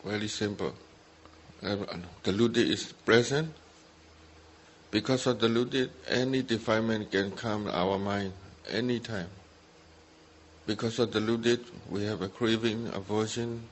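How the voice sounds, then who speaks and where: At a meditation retreat, a Buddhist teacher who speaks English as a second language guides meditation in short, simple phrases separated by long pauses. His lowish voice is unhurried with fairly even intonation, and a little hiss or hum sits under the recording.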